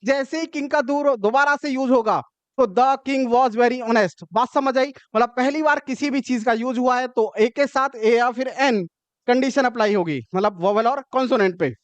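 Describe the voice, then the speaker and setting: A man with a very high, smooth, clear voice teaches a grammar lesson, recorded close and dry with no room sound. He goes step by step and keeps asking the class whether the point is clear. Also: moderate pace, dry recording. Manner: explains step by step with frequent check-in questions.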